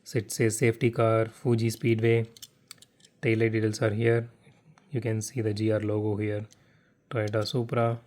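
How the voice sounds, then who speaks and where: A man hosting a casual model car unboxing vlog from his living room, talking haltingly with stutters and restarts. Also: lowish voice, monotone, a little mellow. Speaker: diecast model car unboxing channel host. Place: home living room without air conditioning.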